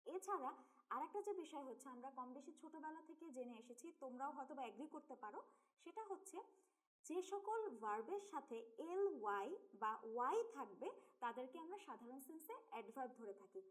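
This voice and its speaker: A woman's voice: sits high, animated, normal speed. A young woman with a Bangladeshi Bengali accent teaching English grammar in an online lesson. She explains step by step, mixes English terms into her Bengali and talks straight to her students.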